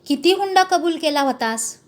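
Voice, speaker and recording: A woman's voice: very high voice, animated, moderate pace, voice pushed up. Woman voicing a fierce outlaw chief. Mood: interrogating. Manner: barking orders and threats. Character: fierce male outlaw chief, commanding, menacing.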